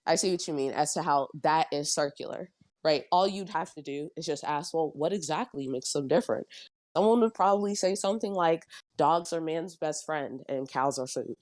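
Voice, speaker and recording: Debater, woman, low voice, dry close mic, measured and self-correcting in a heated voice chat. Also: darkish tone, no echo. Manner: measured, corrects and rephrases herself.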